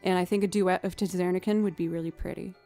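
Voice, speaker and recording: Speaking at a quick pace and a steady tone, a young woman chats loosely on her livestream, musing aloud with frequent ums and likes. She's a streamer and musician whose naturally low voice sounds soft and warm, over faint music.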